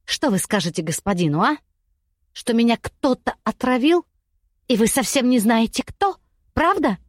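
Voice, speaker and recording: Audiobook: a woman voicing a haughty imprisoned noblewoman, high, shrill and mocking, dry close sound. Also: lively intonation, moderate pace, dry recording. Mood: bitter, taunting. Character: scornful, desperate imprisoned aristocratic lady. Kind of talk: audiobook character voice.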